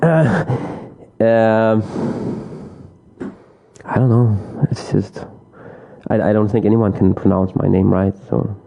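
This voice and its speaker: Gravelly low-voiced Danish man. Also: fairly even intonation, slow pace, pauses often, mellow. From Denmark. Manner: hesitant, many restarts and fillers. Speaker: interview guest. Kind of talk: casual chat.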